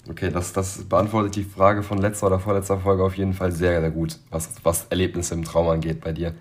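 A young man co-hosting a casual podcast, relaxed and orderly, with hesitant fillers. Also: low voice, brisk. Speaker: podcast co-host. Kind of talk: casual chat.

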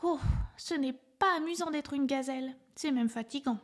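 A woman's voice: normal speed, lightly acted. A woman voicing a stubborn little boy elephant calf in a storybook, speaking in a childlike way as he talks to himself. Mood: musing. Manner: squeaky, childlike, talking to himself.

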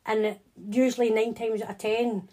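A Scottish woman speaking as an interview guest, her voice pitched slightly high. She keeps it conversational and reassuring, often restarting her sentences as she thinks. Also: little pitch movement, moderate pace, warm tone. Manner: chatty, reassuring, with frequent restarts. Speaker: psychic medium guest.

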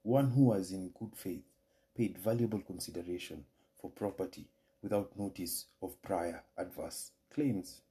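A Kenyan man with a low, mellow voice lectures on law as a podcast host. He speaks formally and carefully, now and then restarting a phrase. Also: a little slow. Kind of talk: solo legal explainer podcast.

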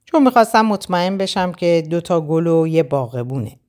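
A woman's voice: lowish voice, animated, a little mellow, close to an everyday voice. A woman voicing a teasing young male friend with a playful, sly manner in an audiobook reading.

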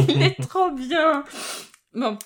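A woman hosting a casual podcast chat, often tripping over words, correcting herself and laughing. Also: high-pitched. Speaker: podcast host.

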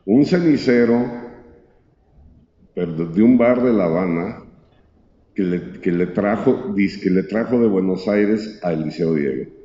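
A man's voice: low voice, measured pace, pauses often. Man telling a colloquial anecdote. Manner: lively, colloquial, acts out the characters. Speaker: storyteller. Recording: dull echoey hall recording.

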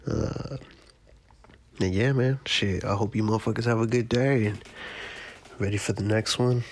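A man hosting his own podcast alone, talking in a laid-back, profane, rambling way with a monotone voice. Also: fairly low pitch, moderate pace. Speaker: podcast host. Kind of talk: casual solo podcast talk.

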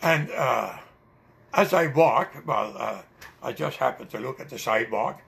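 A man's voice: medium pitch, expressive, measured pace, gravelly, a bit bright. An older man with a Dutch accent, telling long rambling stories with many hesitations in an oral history interview. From Netherlands.

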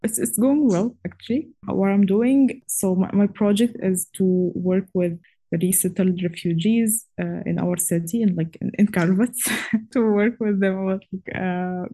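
A young Egyptian woman in her twenties, appearing as a guest, answers interview questions in a casual, hesitant way with frequent fillers and restarts. Her voice is mid-range and dark-toned, and she speaks a little slowly.

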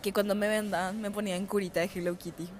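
A woman's voice: medium pitch, level tone, fast. A young woman in her twenties with a Paraguayan Spanish accent, telling a story in casual podcast chat, acting out voices and laughing often. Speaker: podcast co-host.

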